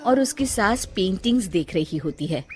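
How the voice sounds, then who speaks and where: A woman narrating a cartoon story in a calm, matter-of-fact way. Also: mid-range voice, normal speed. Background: soft background music.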